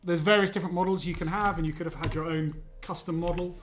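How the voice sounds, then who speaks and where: A man walking through software in a casual livestream demo, relaxed and easygoing in his explanations. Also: sits high, fast, noisy background. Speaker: guest presenting software.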